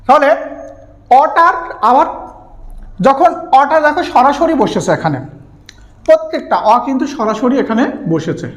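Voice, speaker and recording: A man with a Bangladeshi Bengali accent, teaching an exam-prep grammar lesson. He keeps asking questions and answering them himself, drawing out key words. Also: very high voice. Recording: roomy, echoey room.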